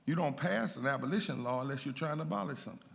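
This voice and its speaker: A man, a pastor, giving a lecture in a church, emphatic and rising in pitch on key points. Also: lively intonation, very fast, vocal fry. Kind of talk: lecture with a preaching cadence. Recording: long church reverb.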